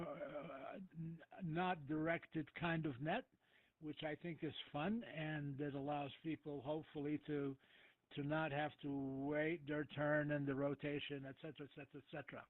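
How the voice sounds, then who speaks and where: A man hosts an amateur radio net in an unhurried, halting way, often stopping to gather his thoughts. His slightly high voice comes through a thin, tinny radio transmission with a close, dry sound and no room around it. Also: no echo. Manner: easygoing, hesitant, many filler pauses. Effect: narrow two-way radio transmission. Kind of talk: casual on-air radio net chat.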